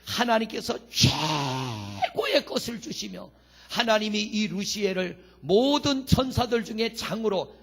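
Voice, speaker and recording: A man's voice: high-pitched, lively intonation, a little slow. A man pastor preaching a sermon in a church. He asks the congregation questions, answers them himself, and reads scripture verses aloud. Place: church sanctuary.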